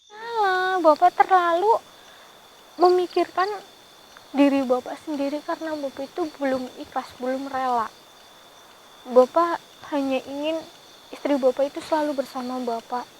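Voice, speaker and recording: A high-voiced woman pleads gently and steadily in a soothing, persuasive tone, addressing someone with a polite title again and again. She speaks outdoors in a forest, with faint crickets and insects behind her. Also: normal speed, pauses often, slight background noise, poor audio. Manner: gently pleading, repeats "Pak" often. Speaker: paranormal investigator. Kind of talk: vlog.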